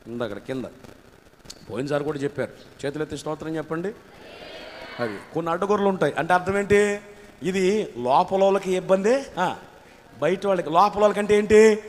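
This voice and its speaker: Pastor guy preaching, high voice, lots of questions thrown at the crowd, big echoey church. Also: a bit bright. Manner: call-and-response preaching, asks congregation to repeat; rhetorical questions, rising intensity. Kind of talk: sermon. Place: church hall. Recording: reverberant church hall.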